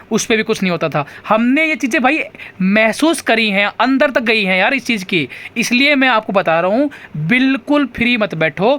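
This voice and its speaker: A man's voice: very high-pitched, bright, forceful tone. A man talking casually straight to his viewers as a YouTuber, earnest and urging, often repeating his key points. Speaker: YouTuber for exam aspirants. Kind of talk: casual direct-to-camera talk.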